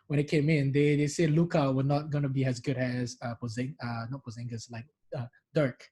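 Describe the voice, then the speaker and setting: Husky-voiced man with a Singaporean-Indonesian accent. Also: medium pitch, brisk, low-quality recording. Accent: mixed Singaporean and Indonesian. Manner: animated, laughs easily, many restarts. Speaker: guest. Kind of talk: casual interview chat.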